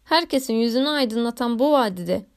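High-pitched woman narrating a novel. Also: lively intonation, smooth. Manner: measured, literary reading. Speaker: audiobook narrator. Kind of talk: scripted narration.

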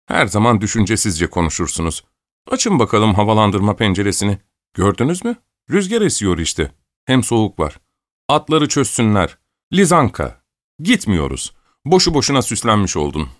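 An audiobook features a man's character voice for a domineering, fussy elderly countess who scolds and bosses people peevishly. His voice is on the low side with big pitch swings, at a normal pace, recorded in echo-free studio quality.

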